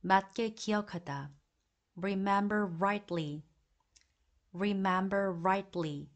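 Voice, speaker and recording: Very slow woman reading a vocabulary drill. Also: mid-range voice. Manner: slow, deliberate repetition of each phrase. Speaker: English teacher.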